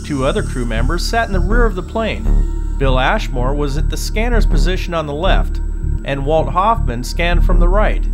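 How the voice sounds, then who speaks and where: Animated man narrating over music. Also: on the high side. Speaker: documentary narrator. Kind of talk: scripted narration.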